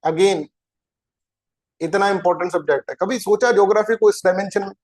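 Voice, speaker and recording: A man's voice: high-pitched, a little fast, a little mellow. A man teaching an exam-prep geography lecture, chatty and informal, who keeps asking his students rhetorical questions.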